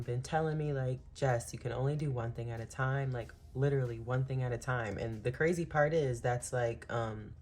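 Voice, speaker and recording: A woman's voice: very deep voice, darkish tone. Woman, planning-channel host; casual, rambling and confiding, heavy on fillers, talks straight to viewers. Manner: addresses viewers as "y'all"; open and personal about feelings. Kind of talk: casual confiding vlog chat.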